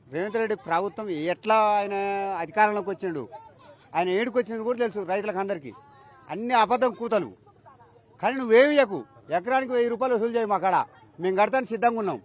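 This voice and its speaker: Angry high-voiced farmer man. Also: fast talker. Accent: Telangana Telugu. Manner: angry and defiant. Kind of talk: roadside news interview. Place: outdoors by a canal.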